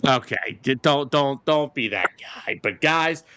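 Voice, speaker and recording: Brash sports radio host, dry mic. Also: male voice, medium pitch, animated, measured pace, pushed and bright, clean tone, no room sound. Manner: brash, joking, rambling sign-off. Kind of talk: casual sports talk.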